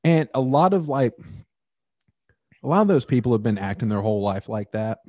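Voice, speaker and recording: A man's voice: medium pitch, big pitch swings, normal speed, darkish tone, dry recording. A man co-hosting a podcast in casual chat, joking and double-checking facts. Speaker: podcast co-host.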